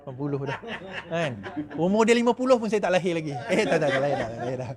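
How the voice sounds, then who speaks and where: A middle-aged man with a Malaysian accent, giving an animated speech to supporters, mimicking others in quick asides and laughing often. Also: on the high side, crowd noise. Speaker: politician speaking to supporters.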